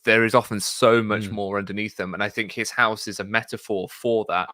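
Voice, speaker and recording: A man's voice: fairly low pitch, fairly even intonation, fairly quick, sharp tone, no echo, studio quality. A man hosting a casual discussion, talking in a thoughtful, analytical way with frequent fillers. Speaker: podcast host.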